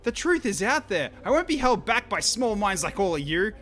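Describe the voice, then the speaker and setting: A man's voice: high voice, big pitch swings, moderate pace, fairly bright tone, a little hiss or hum, pitched above the performer's own voice. A man reading out a game's text and putting on the voice of an eccentric male would-be scientist who talks in a breathless, insistent, theatrical way. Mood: offended.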